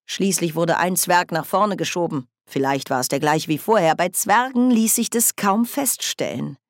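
A woman reading a novel aloud as audiobook narrator, in an even, measured storytelling manner. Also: lowish voice, dry recording, studio quality. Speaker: audiobook reader. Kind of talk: scripted narration.

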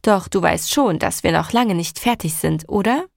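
Woman doing a brisk, nagging inner taskmaster, a little gravelly. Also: fairly low pitch, animated, no room sound, clean studio sound. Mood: satisfied. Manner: brisk, pushy. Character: lively driving inner voice, female, impatient.

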